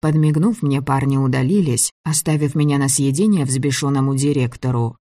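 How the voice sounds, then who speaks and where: A man's voice: medium pitch, fairly even intonation, normal speed, warm tone, dry recording. Man narrating an audiobook, dry and close. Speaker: audiobook reader. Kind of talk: first-person audiobook narration.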